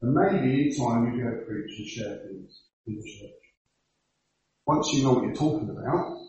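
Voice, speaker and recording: A man's voice: medium pitch, measured pace, a little mellow, lo-fi sound. A male pastor giving a sermon in a church, explaining things emphatically and repeating his key points. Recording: very echoey church hall.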